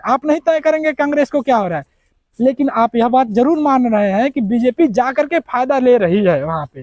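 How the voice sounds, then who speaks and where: A man's voice: extremely high pitch, a little mellow, no room sound. A man giving a heated political rebuttal to his viewers, combative and firing off rhetorical questions. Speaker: political commentator.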